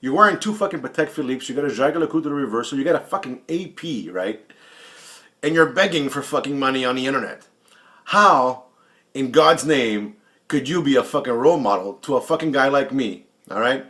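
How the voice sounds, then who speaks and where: A medium-pitched, animated male voice, fairly bright and a little fast, belongs to a late-forties host of a YouTube watch channel. Fielding another vlogger's questions, he stays casual and blunt, taunts freely, uses heavy profanity, and often repeats himself for emphasis.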